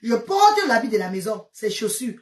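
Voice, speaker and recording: Speaking French with a Cameroonian accent, a vlogger whose mother tongue is Medumba tells chatty stories to her followers, animated and exclaiming. She repeats herself and slips in English words. Her voice is on the high side at normal speed.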